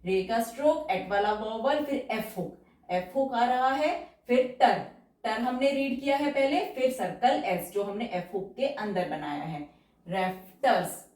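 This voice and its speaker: A woman teaching shorthand in a patient, step-by-step way, repeating each example word slowly. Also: on the high side, darkish tone, far from the mic. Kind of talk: step-by-step tutorial explanation. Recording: roomy echo, voice from off-mic.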